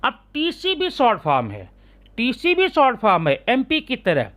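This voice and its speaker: A man teaching English grammar in a classroom-style lesson, sounding out letters slowly and often asking his students if they follow. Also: very high-pitched, huge pitch swings, a bit bright. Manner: keeps asking students rhetorical check questions.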